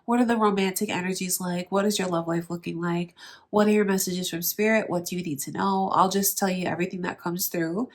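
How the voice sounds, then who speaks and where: A woman with a nasal, stuffed-up voice from allergies gives a tarot reading, speaking directly and earnestly to the viewer. Her voice is on the low side, with a steady tone and a brisk pace.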